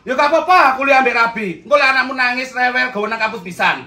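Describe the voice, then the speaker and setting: A man's voice: extremely high pitch, fast talker, sharp tone, heavily acted. A man playing a teasing, middle-aged village mother in a comedy sketch. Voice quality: nosy, teasing banter. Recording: echoey room, voice from far off.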